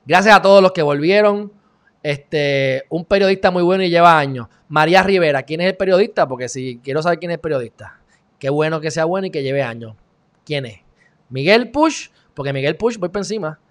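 A man's voice: fairly high pitch, fairly quick. A man with a Puerto Rican accent hosting a live stream, giving heated, sarcastic commentary and reading the chat. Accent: Puerto Rican Spanish. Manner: sarcastic, heated, mocking asides. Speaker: online show host.

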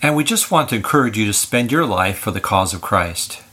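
Bright-voiced older man, earnest podcast host. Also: fairly low pitch, animated, fairly quick, husky. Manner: earnest, encouraging.

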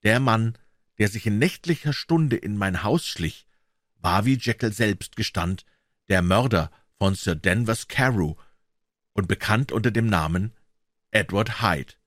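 A man reading a classic story aloud as audiobook narration, in a dramatic, expressive way. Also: fairly low pitch, a little slow, no echo, clean studio sound. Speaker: audiobook reader.

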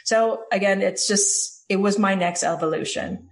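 A woman in her forties from Hawaii, a podcast guest telling her story in a warm, rambling way, with fillers and self-corrections. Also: mid-range voice, unhurried. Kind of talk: interview answers.

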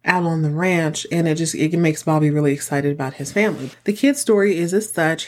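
A woman with a low, slightly mellow voice hosts a casual TV recap podcast. She's chatty and campy, leaning on theatrical, dramatic emphasis in a show-host style.

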